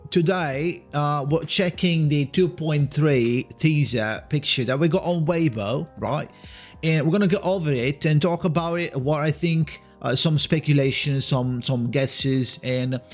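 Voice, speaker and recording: Rambling casual man over faint music. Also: on the high side. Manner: hesitant, rambling, repeats words, swears casually. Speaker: video creator giving game news. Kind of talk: casual speculative commentary.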